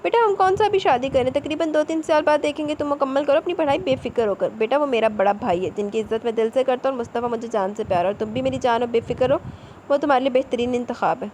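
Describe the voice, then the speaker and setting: A woman's voice: high voice, a little hiss or hum, natural voice. A woman voicing an affectionate middle-aged father reassuring his daughter. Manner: warm, reassuring.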